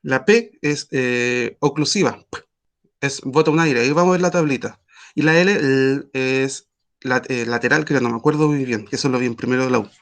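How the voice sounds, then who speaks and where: A man teaching an online language class, explaining patiently with frequent pauses and fillers. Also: medium pitch.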